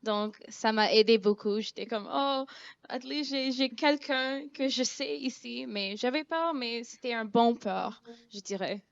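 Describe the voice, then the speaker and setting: A woman's voice: a little high, measured pace, gravelly, dry recording. Hesitant young woman student, lo-fi sound. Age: young adult. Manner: hesitant, mixes in English. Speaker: student guest. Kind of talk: panel chat.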